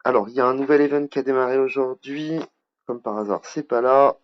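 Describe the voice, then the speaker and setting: A man's voice: mid-range voice, fairly quick, muffled recording. A man with a French accent giving a casual, rambling tutorial on a strategy game, chatting as he clicks through menus. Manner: rambling, chatty, self-admitted over-talker. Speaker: mobile strategy game YouTuber. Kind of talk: casual game tutorial over screen capture.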